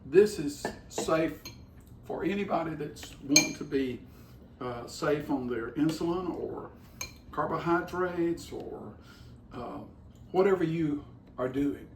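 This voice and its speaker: Older man, folksy and enthusiastic, slightly high voice, echoey kitchen. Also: takes it slowly, recorded from a distance, background noise. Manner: folksy, enthusiastic, explains step by step. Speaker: cooking channel co-host. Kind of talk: casual chat, explaining nutrition. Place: home kitchen.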